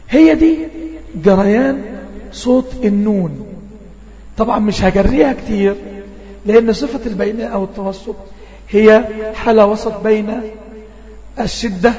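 A man with an Egyptian accent teaching Quran recitation in an online lesson, voice a little strained, drawing out sample words slowly and checking in often with his class. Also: high voice, warm tone. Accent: Egyptian Arabic. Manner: slow drawn-out demonstrations of recited words. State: voice a bit strained. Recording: dull lo-fi audio with long reverb.

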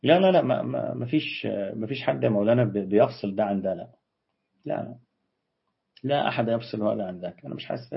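A husky-voiced Egyptian man runs a casual live stream, firing back quick answers to his viewers' comments. He talks at a rapid clip, with a slightly raspy edge to his voice. The stream audio is dull and lo-fi. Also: lowish voice. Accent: Egyptian Arabic. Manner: brisk, reads out and answers viewer comments, quick dismissive retorts. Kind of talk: casual live Q&A on religion and history.

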